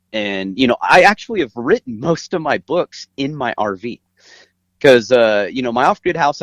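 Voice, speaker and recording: Lower-pitched man explaining things, dry sound. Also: no echo, dull audio. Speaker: guest author. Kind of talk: conversational interview explanation. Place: inside an RV.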